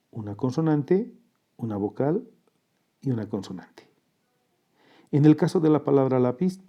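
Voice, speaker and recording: Measured, methodical man teaching a lesson. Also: medium pitch, warm tone, lo-fi sound. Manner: measured, methodical, breaks words into parts. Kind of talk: scripted lesson narration.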